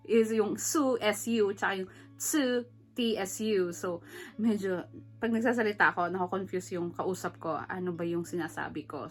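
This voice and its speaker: A woman's voice: lowish voice, fairly bright tone. A middle-aged woman from the Philippines, vlogging in a chatty, emotional way that mixes English into her Tagalog, laughing often. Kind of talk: casual personal vlog.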